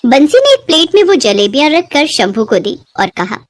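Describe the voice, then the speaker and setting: A woman narrating a children's moral story in clear, expressive storytelling. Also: high-pitched, normal speed, no room sound.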